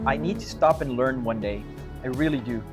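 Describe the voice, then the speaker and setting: A Brazilian man with a Brazilian accent streams live from his home sim racing rig, with music playing in the background. He chats casually and answers viewers in an easygoing, rambling way, restarting and hedging, in a medium-pitched voice at normal speed.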